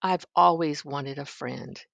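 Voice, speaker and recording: Corduroy, a wistful little bear, read by a creaky-voiced grandmotherly woman. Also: low-pitched, takes it slowly, a bit bright, dry recording, voice pushed down, full character voice. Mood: contented, tender. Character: small wistful, wondering toy bear.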